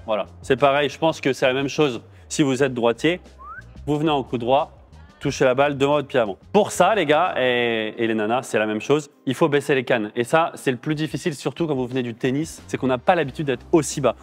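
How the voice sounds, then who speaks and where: A man's voice: mid-range voice, brisk, soft background music. A young man presenting an informal padel tutorial in an explanatory, conversational way. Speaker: padel player and coach-like presenter. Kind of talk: casual tutorial talk.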